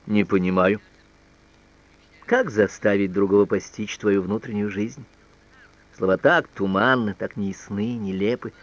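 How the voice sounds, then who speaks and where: A man reading a classic novel aloud as an audiobook narrator, giving the dialogue lively swings in pitch and loudness. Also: unhurried, pauses often. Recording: dull lo-fi audiobook recording.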